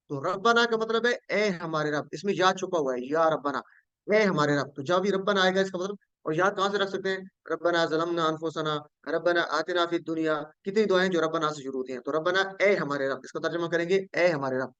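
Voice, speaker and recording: A man's voice: fairly high pitch, steady tone, fairly quick, sharp tone, clear, resonant tone, no room sound, highs cut off. A man teaching a Quranic Arabic lesson, patiently repeating each word and quizzing his students.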